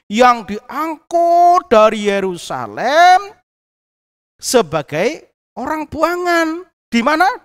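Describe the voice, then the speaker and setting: High-voiced woman Sunday school teacher, lively storyteller for kids. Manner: animated, asks the listener questions. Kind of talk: Bible storytelling for children.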